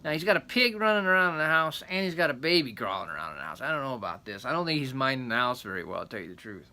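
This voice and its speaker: A man's voice: medium pitch, sing-song, rapid-fire, pushed and bright. An older man reading a folk tale aloud like a rambling grandpa, adding folksy asides and plain explanations. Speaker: storyteller.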